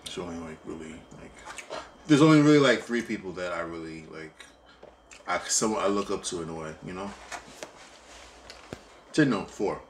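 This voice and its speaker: A man co-hosting a casual couple's chat while eating, talking haltingly with frequent restarts. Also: sits low, expressive, a little hiss or hum. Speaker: co-host.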